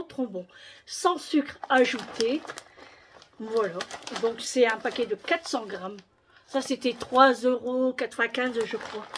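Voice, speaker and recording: Woman showing off her groceries, slow and chatty, lots of ums. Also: fairly high pitch, slight background noise. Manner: chatty, many hesitations and repeated words. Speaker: vlogger showing her shopping. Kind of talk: casual shopping haul chat.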